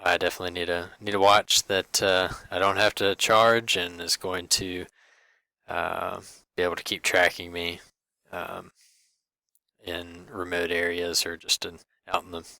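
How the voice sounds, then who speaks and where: A young man giving a class presentation over slides, halting and full of fillers and restarts. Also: deep voice, flat delivery, vocal fry, sharp tone, no room sound. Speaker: student presenter.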